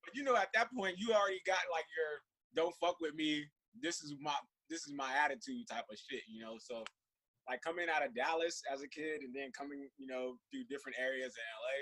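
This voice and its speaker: Man, husky voice, podcast guest, easygoing storytelling, lots of "like". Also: on the high side, fairly quick, fairly bright tone, low-quality recording. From California. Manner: loose storytelling, peppered with "like" and swearing. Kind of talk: casual podcast chat.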